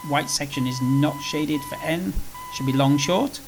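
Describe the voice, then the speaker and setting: A flight simulator video presenter talks casually and without a script as he plays, rambling easily while explaining things. His voice is fairly high, very animated and unhurried. Music plays behind him, and the recording is clearly noisy with a background hum.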